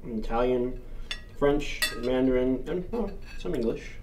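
A man's voice: mid-range voice, close to an everyday voice. A young man playing an awkward, hesitant date in a naturalistic short film, recorded at a distance with some room noise and cutlery. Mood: awkward, guarded. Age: young adult. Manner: halting, hesitant. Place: indoor dining table.

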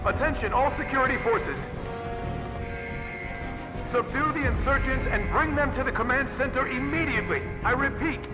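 A male security announcer repeats his commands over a loudspeaker in a video game. His voice sits high and carries an echoey public-address ring, with loud game music behind it. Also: normal speed, pauses often. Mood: stern.

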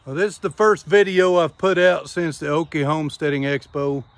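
Holding his phone at arm's length, a man shoots a casual how-to homesteading vlog outdoors by the farm barn and backyard. He keeps a steady tone at a moderate pace in a slightly high voice, folksy and talkative, with plenty of "y'all."

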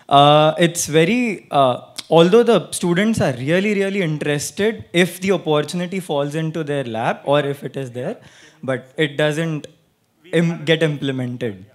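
Eager young student asking a question. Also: male voice, a little high. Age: young adult. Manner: eager but hesitant, many fillers. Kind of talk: audience question at a panel. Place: auditorium audience. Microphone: handheld microphone.

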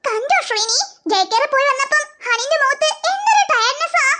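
A woman's voice: very high-pitched, expressive, brisk, bright, forceful tone, a little hiss or hum. A woman as a fussy doting cartoon mom. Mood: doting, indignant. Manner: fussy and protective. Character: doting, indignant young mother.

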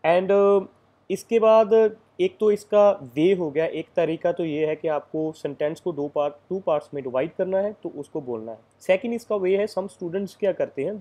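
A man's voice: fairly high pitch, mellow. A man giving a casual lecture as an exam coaching teacher, explaining step by step with frequent fillers.

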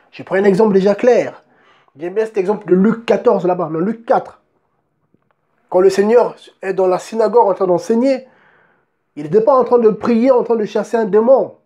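A man's voice: high voice, a little fast, dark tone. A man preaching a sermon and reading Bible verses, emphatic, often asking his listeners if they see, and restarting words as he goes.

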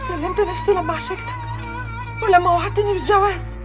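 A woman's voice: very high voice, steady tone, quick pace. An actress playing a wronged, desperate young woman with an Egyptian accent, given to wailing, pleading outbursts. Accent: Egyptian Arabic. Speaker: film actress. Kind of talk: film melodrama acting. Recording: music score behind. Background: film score music.

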